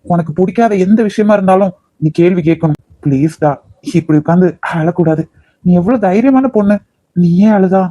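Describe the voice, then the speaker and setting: A man voicing a protective young husband in an animated cartoon, firm yet soothing. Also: sits high, brisk, no room sound, poor audio. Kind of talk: cartoon voice acting.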